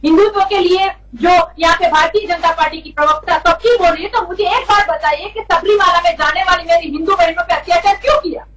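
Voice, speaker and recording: Woman panelist, very high pitch, impassioned, a bit distant from mic. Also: brisk, hardly any pauses, fairly bright tone. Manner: impassioned, talks over anchor. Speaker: debate panelist. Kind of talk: TV debate argument.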